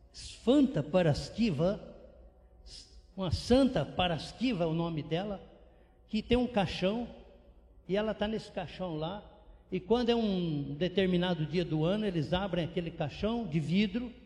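A man preaching a missionary sermon with animated, repetitive emphasis. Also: sits high, normal speed. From São Paulo state, Brazil. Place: church sanctuary. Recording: long church reverb.

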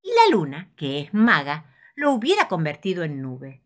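A woman voicing an eager, imaginative male pig student in a storybook, excited and bursting with ideas. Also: sits low, normal speed.

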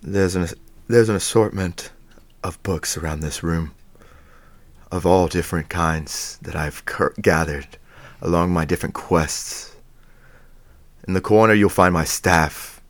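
A man voicing a solemn old wizard in a measured, portentous storytelling manner. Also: sits low, no room sound, voice pushed down. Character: old wizard with staff, grave quest-worn storyteller.

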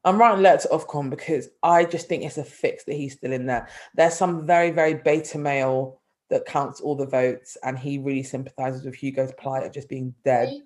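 A young woman from North London with a London accent, co-hosting a casual chat, blunt and animated, swearing freely. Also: very deep voice, a little fast, hardly any pauses. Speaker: podcast co-host.

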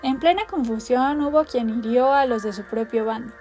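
A woman narrating a storybook with an expressive, theatrical delivery. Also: a little high, normal speed, faint music behind.

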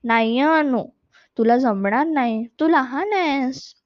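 A woman voicing a patient, gentle mother who speaks to her small daughter in a soothing, reasoning way in a storybook reading. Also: high voice, slow pace, no echo. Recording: dull lo-fi recording.

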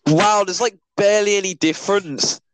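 A man with a fairly high voice, recorded close and dry with no room sound. He chats casually as a podcast co-host, laughing and tripping over his words as he restarts sentences. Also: steady tone, moderate pace, clear, resonant tone, dry recording, poor audio. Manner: stammering restarts, laughing, joking. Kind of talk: casual chat.

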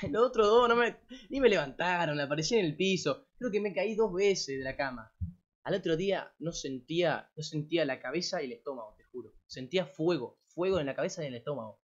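A man's voice: on the high side, lively intonation, fairly quick. Young Argentine guy, rambling lo-fi. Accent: Argentine Rioplatense Spanish. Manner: rambling, slangy, swears freely. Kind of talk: casual storytelling to a live audience. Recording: dull lo-fi recording.

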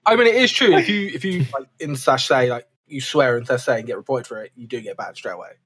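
Male co-host, quick husky delivery, rambling with lots of "like"s, gaming chat. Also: mid-range voice, expressive, a bit bright. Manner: rambling, filler-heavy.

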